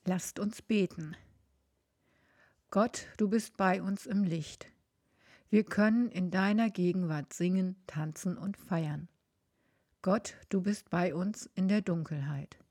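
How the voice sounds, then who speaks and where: A woman leading a children's service, gently and earnestly telling a Bible story in the first person to children. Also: mid-range voice, takes it slowly, no room sound, studio quality.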